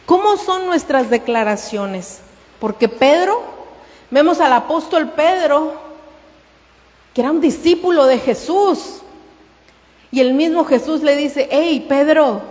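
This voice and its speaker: A woman's voice: high-pitched, a little mellow, big-room sound. A woman pastor preaching a sermon, asking the congregation questions and calling them "hermano".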